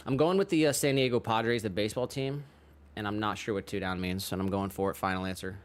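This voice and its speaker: A man co-hosting a live stream from a pottery studio, chatting casually and giving chat shout-outs with easygoing fillers. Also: on the low side, a little fast. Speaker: livestream co-host.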